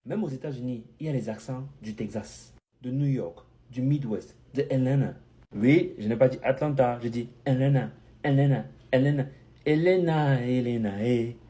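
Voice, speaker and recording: A French-speaking man talking straight to camera in an animated, joking way while giving English accent tips. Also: medium pitch. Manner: animated and playful, with jokes and mock English phrases. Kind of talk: direct-to-camera vlog talk.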